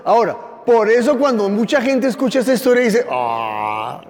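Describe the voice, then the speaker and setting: A man's voice: very high voice, brisk, a little mellow, long reverb tail. A male pastor giving an interactive teaching sermon, sarcastic and playful, quizzing listeners by name with questions.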